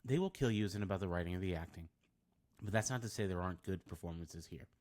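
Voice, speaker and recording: A man's voice: sits low, fast talker, a little mellow. A man reading a scripted film review, with wry, dry asides.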